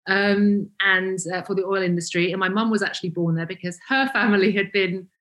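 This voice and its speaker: Speaking a little fast in a steady, mid-range voice with a fairly bright tone, this Cambridgeshire woman in her 40s talks as an interview guest. She founded a vegan brand and reflects on it hesitantly and self-deprecatingly, full of ums and restarts.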